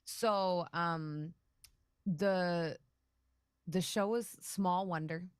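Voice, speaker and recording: A woman with a lowish voice answers fan questions as the game master in a relaxed livestream chat. She talks in a rambling way with frequent laughs. The sound is close and dry. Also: drawn-out words, smooth, no echo. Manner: chatty, rambling, laughs often. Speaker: game master and show creator.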